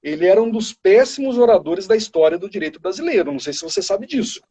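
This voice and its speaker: Um advogado brasileiro convidado numa live, explicando de forma enfática e didática. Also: male voice, high voice, big pitch swings, fast talker, dark tone, slightly rough. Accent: Brazilian. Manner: emphatic, explanatory. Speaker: guest criminal lawyer. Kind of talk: live video chat. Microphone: video call. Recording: lo-fi livestream audio.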